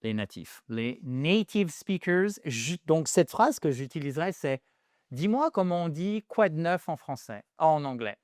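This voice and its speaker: This man, a native French speaker, runs an energetic English lesson for French audiences, greeting viewers as dear friends and saying English phrases slowly and repeatedly. His voice is a little high, and the sound is dry and clean, like a studio.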